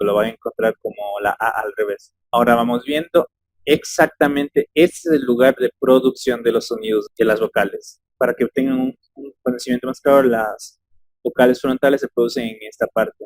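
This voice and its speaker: A man's voice: medium pitch, a little mellow, dry recording. Spanish-speaking man teaching sounds. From Ecuador. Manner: explains slowly, models sounds aloud one by one. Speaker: English teacher. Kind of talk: phonetics lesson.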